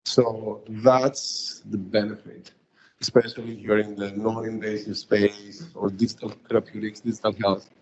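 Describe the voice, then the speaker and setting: Startup founder guy talking on a panel, low voice, dull audio. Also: level tone, normal speed. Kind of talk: conversational panel talk. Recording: dull lo-fi room recording, background noise.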